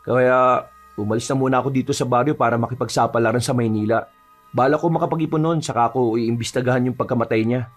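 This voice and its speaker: A man's voice: mid-range voice, steady tone, fast talker, faint music behind. A man narrating an audio horror story and voicing its earnest lead character.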